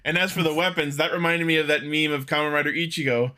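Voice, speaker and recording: Bright-voiced, high-pitched man swearing through a recap. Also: fast talker. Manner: profane, animated fan commentary. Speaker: podcast co-host. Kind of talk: casual chat recapping a show.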